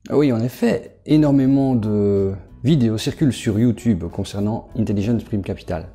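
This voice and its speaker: Brief: man on a walkthrough video, low and very mellow tone, chatty with fillers, faint guitar behind. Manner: chatty, talks straight to the viewer, halting with fillers. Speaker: crypto investment YouTuber. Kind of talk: casual screen walkthrough commentary.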